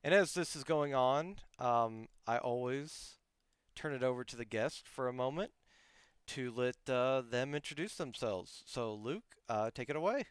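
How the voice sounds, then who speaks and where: A man hosts a casual streamed podcast interview, talking in a clear, smooth voice with a dry, close sound. He rambles, restarts his sentences and leans on fillers as he goes. His voice sounds a little worn. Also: mid-range voice, expressive, a little slow, dry recording. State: losing his voice. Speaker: podcast host.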